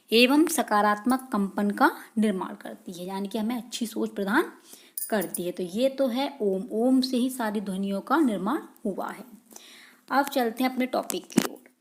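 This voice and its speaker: A woman teacher with a fairly high voice talks slowly and deliberately through an exam-prep grammar lesson. She poses little questions to her listeners and answers them herself, repeating each key term. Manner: slow, deliberate explanation.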